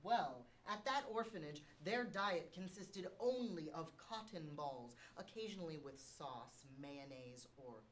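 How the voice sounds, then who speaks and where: A young woman co-hosting a campus show, reading a silly scripted story in a slow, deadpan way. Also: deep voice, slight background noise, poor audio. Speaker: co-host. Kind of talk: reading a scripted comic tale.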